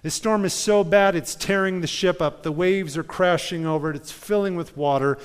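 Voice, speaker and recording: A man's voice: sits high, moderate pace, smooth, big-room sound. A male pastor preaching a sermon in a conversational storytelling manner, driving points home with rhetorical questions.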